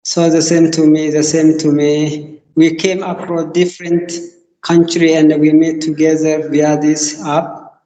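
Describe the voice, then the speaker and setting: Slow, mellow-voiced Ethiopian man. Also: a little high, flat delivery, reverberant, in a large hall, muffled recording. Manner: slow, careful, hesitant non-native phrasing. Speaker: university computer teacher. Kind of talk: casual conversation practice. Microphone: online call.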